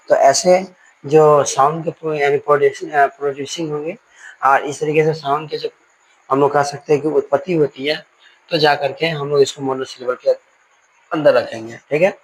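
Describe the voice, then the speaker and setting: A man's voice: on the high side, steady tone, a little hiss or hum, low-quality recording. A male teacher giving a live online grammar class, explaining patiently and dictating definitions word by word. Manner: explains slowly, repeats and dictates words one by one.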